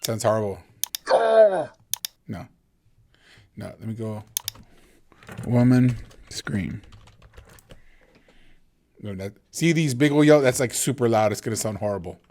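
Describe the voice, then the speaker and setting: A man's voice: lowish voice, moderate pace, pauses often, a little mellow, slight background noise. A man teaching video editing in a casual, rambling way, thinking aloud and often restarting his sentences. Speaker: instructor. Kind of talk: screen-recorded video editing tutorial.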